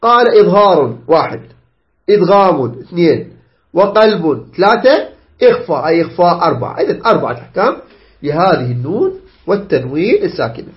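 A man teaching Quran recitation rules, explaining patiently, checking that students follow and modelling the recitation slowly. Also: high voice, big pitch swings. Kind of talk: tajweed lesson explaining a poem line by line. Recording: dull lo-fi recording.

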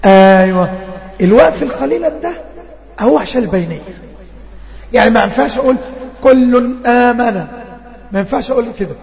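A man with an Egyptian accent teaching Quran recitation in an online lesson, voice a little strained, drawing out sample words slowly and checking in often with his class. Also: extremely high pitch, vocal fry, a little mellow. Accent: Egyptian Arabic. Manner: slow drawn-out demonstrations of recited words. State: voice a bit strained. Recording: dull lo-fi audio with long reverb.

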